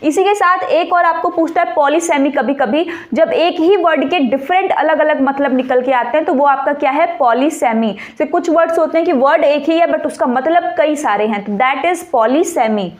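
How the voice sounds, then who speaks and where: Female exam-prep tutor, high voice, drills points by asking and answering her own questions. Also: normal speed, few pauses, muffled recording. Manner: repeats key points as quiz questions to the viewer; mixes English terms into Hindi explanations. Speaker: teacher. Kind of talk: exam-prep grammar lesson.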